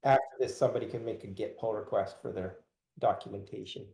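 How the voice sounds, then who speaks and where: A man's voice: on the low side, steady tone, fast talker, vocal fry, a little mellow, echoey room. A man as guest expert explaining technical details casually, hedging with fillers.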